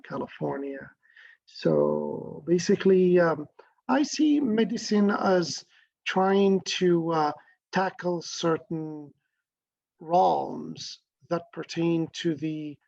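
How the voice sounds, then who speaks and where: This interview guest, a middle-aged man from Morocco, works through ideas thoughtfully and philosophically, frequently starting over mid-thought. His somewhat high voice has vocal fry and a slightly mellow quality. The sound is dry, dull, and lo-fi.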